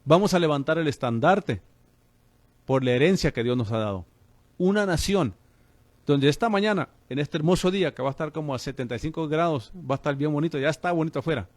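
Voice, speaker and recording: A man's voice: fairly high pitch, brisk, dry recording. A man preaching on the radio as a pastor and host, fervent and calling listeners brother.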